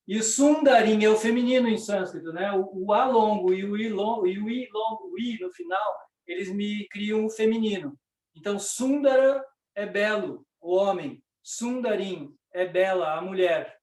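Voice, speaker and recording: A man with a Brazilian Portuguese accent teaching a Sanskrit class, explaining step by step and often checking in with the listeners. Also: high voice. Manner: patient, explains step by step with frequent "né?". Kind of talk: explanatory lecture. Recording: roomy, distant mic.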